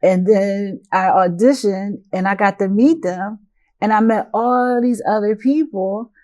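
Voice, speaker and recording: A woman hosts a relaxed interview, keeping up a steady stream of soft affirmations. Her voice sits at a middle pitch with a dark, mellow tone. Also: a little slow. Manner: encouraging, constant quiet backchannels. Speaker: podcast host. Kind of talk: casual interview chat.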